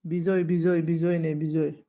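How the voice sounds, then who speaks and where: Young man, live stream host, high voice, slow unhurried talk, thanks viewers by name. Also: flat delivery, warm tone. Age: 20s. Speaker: livestream host. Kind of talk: casual live-chat reading to viewers.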